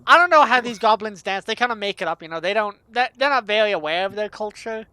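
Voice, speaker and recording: A woman's voice: mid-range voice, animated, fast, bright, forceful tone, clear, resonant tone, no room sound. Laughing woman running a tabletop game. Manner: laughing often, loose and chatty with many fillers. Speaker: dungeon master.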